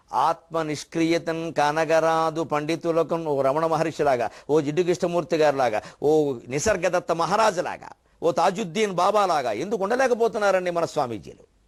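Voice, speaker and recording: An older man delivers a spiritual discourse in a somewhat high voice. He scolds with indignation and piles up rhetorical questions. Now and then he slows to chant a verse. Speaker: spiritual orator. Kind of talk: Telugu religious discourse.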